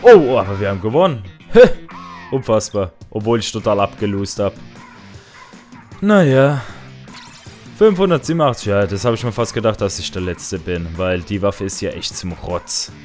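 A man with a fairly low voice narrates his own gameplay in a loose, casual way. He grumbles about his weapons, then jumps into loud, high outbursts at kills and deaths. Faint game music plays behind him. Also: animated, a little fast. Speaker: gaming let's player.

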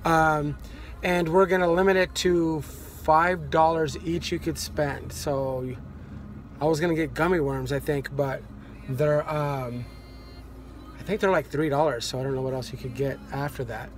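This fishing vlog is narrated by a fortysomething dad, who speaks a little slowly in a fairly high voice. He records on a phone camera at arm's length, inside a parked car and later on an outdoor river dock, rambling casually with lots of ums.

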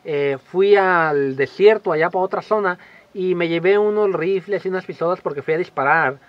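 Animated guy telling stories. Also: sits high, normal speed, no room sound, lo-fi sound. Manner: animated, acts out voices and shouts in his stories. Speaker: vlogger. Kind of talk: casual storytelling to camera.

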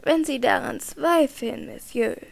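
A woman voicing a naive, devout elderly lady in an audiobook, speaking slowly and gently insistent, sometimes hushed. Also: high voice, vocal fry. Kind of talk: audiobook character reading.

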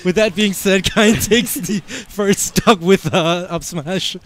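A man's voice: sits high, slow pace, fairly bright tone, faint music behind. A man giving casual, rambling commentary on a fighting game match through a headset, laughing often. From Iceland. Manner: giggly, rambling, playful. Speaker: esports commentator.

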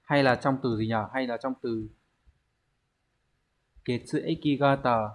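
Slow and with fairly even intonation, a Japanese language teacher patiently takes students through an online exam-prep lesson point by point. His pitch is mid-level, and he raises questions for the class before supplying the answers himself.

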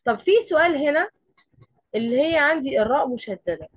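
A woman's voice: high-pitched, expressive, quick pace, dry recording, dull audio. A woman with an Egyptian accent teaching a tajweed lesson. She explains step by step and often asks questions and then answers them herself. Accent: Egyptian Arabic. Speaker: Quran recitation teacher.

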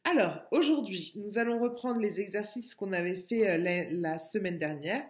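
A woman teaching young children in a recorded lesson, drawing out syllables slowly and clearly. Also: medium pitch, expressive, reverberant. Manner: slow, drawn-out syllables for children. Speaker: kindergarten teacher.

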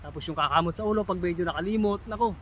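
A man's voice: high-pitched, rapid-fire, dull audio, slight background noise. A man in his thirties from the Philippines giving casual advice in a vlog, chatty, with emphatic warnings and a habit of calling his viewers "tol". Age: 30s. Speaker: vlogger giving job interview tips.

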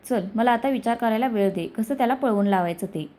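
A woman voicing a stubborn, upset young woman facing a marriage match, in a lower, subdued tone. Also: fairly quick, dark tone, close to an everyday voice. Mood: subdued, irritated.

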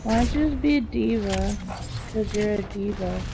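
A woman's voice: medium pitch, moderate pace, background noise. A woman in casual gaming banter, teasing and foul-mouthed. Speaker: gamer playing online with a friend. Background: video game music and sound effects.

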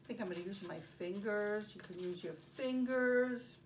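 An older woman with a medium-pitched voice hosts story time for young children, reading aloud and demonstrating a craft in simple, deliberate phrases with pauses. She is in a carpeted home living room, recorded by a camera a few feet away, so the mic is distant and faint room noise can be heard.

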